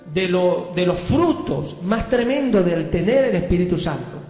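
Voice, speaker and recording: A man with a high voice preaches emphatically, asking the congregation question after question. His voice carries through a hall with a long reverb, a faint bed of music underneath. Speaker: pastor. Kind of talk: sermon. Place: church. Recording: echoey church hall with music.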